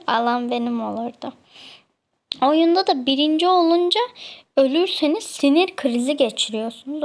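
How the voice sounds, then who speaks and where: Young woman gamer from Turkey, high voice with gravel, chatty commentary. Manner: chatty, talks to other players, mock-annoyed. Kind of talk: casual gameplay commentary.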